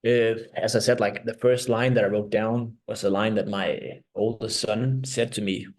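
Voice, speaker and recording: With a fairly low pitch and steady tone, a Danish-accented man in his thirties reflects on interview questions as a band's vocalist. He is a native Danish speaker from Denmark who also writes lyrics, and he often stops mid-answer hunting for the right words.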